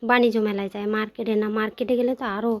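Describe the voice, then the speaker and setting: A woman's voice: medium pitch, little pitch movement, fast talker, darkish tone, dry recording. A woman, chatting casually as she vlogs her shopping at a busy trade fair on a phone camera. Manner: chatty, rambling, colloquial. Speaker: vlogger. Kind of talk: casual vlog narration.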